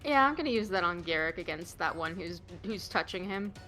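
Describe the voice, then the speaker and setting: A woman's voice: fairly low pitch, expressive, brisk, over music. A woman player thinking aloud hesitantly as she decides her move in a tabletop game. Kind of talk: casual chat during a tabletop game.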